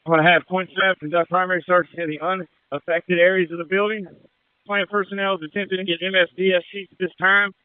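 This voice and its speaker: A man's voice: high voice, level tone, quick pace, clear, resonant tone, no room sound. A man, a fire engine officer at an incident, giving terse, clipped status reports over a handheld fire radio. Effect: heard over a handheld fire radio. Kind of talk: fireground radio traffic. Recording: tinny two-way radio transmission.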